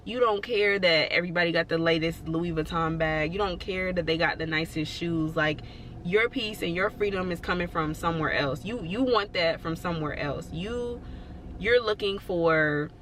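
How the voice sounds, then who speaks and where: A woman's voice: lowish voice, moderate pace, a bit bright, a little hiss or hum. A woman vlogging in a casual, rambling way, encouraging her viewers and filling her talk with "like" and "you know". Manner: encouraging, reassuring. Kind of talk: casual motivational talk to camera.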